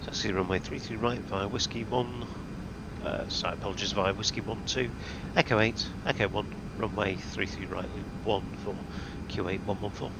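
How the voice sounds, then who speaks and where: A man's voice: fairly low pitch, normal speed. A man making clipped pilot radio calls into a cockpit headset mic, with small fillers. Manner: clipped aviation phraseology with fillers. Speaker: flight sim pilot. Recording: loud aircraft engine noise behind. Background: aircraft engine hum.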